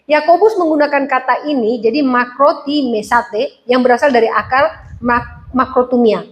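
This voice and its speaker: High-voiced woman pastor preaching conversationally. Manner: conversational, asks the congregation questions, laughs at her own jokes. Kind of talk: sermon.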